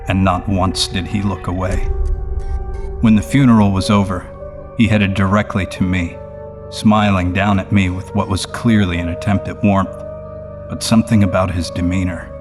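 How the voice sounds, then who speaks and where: A man reading a scripted first-person horror story in a grave, measured storytelling manner. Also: low-pitched. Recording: prominent music behind the voice. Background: music.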